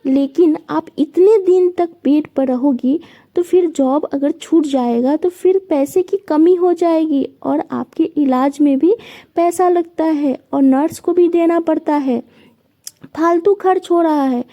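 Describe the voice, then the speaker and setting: A woman's voice: sits high, a little slow, dark tone, highs cut off. A woman voicing a grown son in a family story, reading his lines plainly in her own voice. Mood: annoyed. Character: middle-aged son, dutiful but money-minded.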